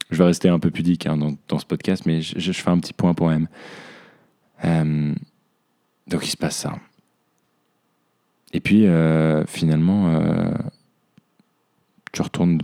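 A man's voice: extremely low pitch, vocal fry, mellow. A young man hosting a podcast, speaking in a reflective personal monologue and talking to himself as "tu". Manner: introspective, addresses himself as "tu". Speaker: podcast host.

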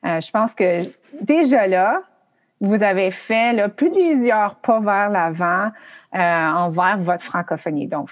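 A middle-aged woman, hosting a casual interview in a chatty, friendly way with many fillers. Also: medium pitch. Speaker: podcast host.

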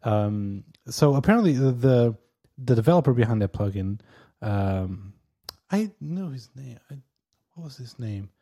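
A mellow-voiced man, a Portuguese native speaker, co-hosts a casual podcast chat. His mid-range voice is animated, yet he talks haltingly and hesitantly, filling gaps with fillers and chuckling often.

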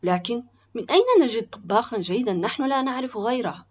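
A firm, businesslike neighborhood official speaks loudly and decisively in a storybook tale, voiced by a woman. The voice is breathy, and the recording is dull and lo-fi. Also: on the high side, brisk, voice pushed up.

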